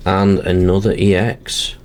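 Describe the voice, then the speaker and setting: A man's voice: sits low, level tone, measured pace, darkish tone, slight background noise. A man hosting his channel, chatting casually and talking himself through each step as he opens card packs at his desk. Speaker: channel host. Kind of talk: casual commentary while opening card packs.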